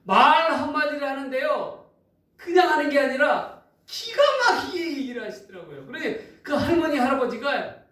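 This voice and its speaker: Male pastor, high lively voice, big echoey hall, mic set far off. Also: moderate pace. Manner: animated storytelling, emphatic. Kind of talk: sermon. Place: church sanctuary.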